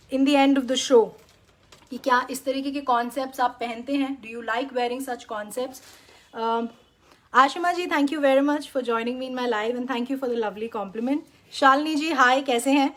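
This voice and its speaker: A middle-aged woman with an Indian accent hosting a live fashion sales stream, greeting viewers by name and praising each piece. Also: sits high. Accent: Indian English. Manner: switches between Hindi and English, repeats "very, very beautiful".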